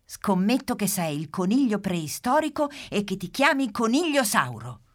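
A woman's voice: medium pitch, sing-song, a little slow, breathy edge, voice pushed up. A woman voicing a cheerful, curious little female puppy in a storybook, eager and full of questions. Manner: eager, bouncy, asks lots of questions. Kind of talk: storybook character voice.

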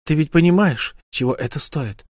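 A man's voice: fairly high pitch, moderate pace, dry recording, voice pushed up, lightly acted. A man doing a defiant young alien wife, her voice lifted and taunting, every line laced with mockery. The recording is dry and close, with no room sound at all. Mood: mocking. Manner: teasing, mocking, raised tone.

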